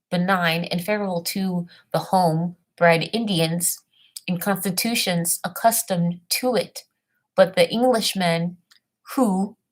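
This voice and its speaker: A self-made history presenter, a woman with a voice on the low side, talks casually about her history research. She then reads an old text aloud haltingly, often stumbling over hard words and names.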